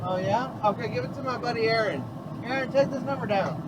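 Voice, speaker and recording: A woman's voice: on the high side, brisk. A woman talking casually on a prank phone call from inside a car. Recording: loud car and road noise.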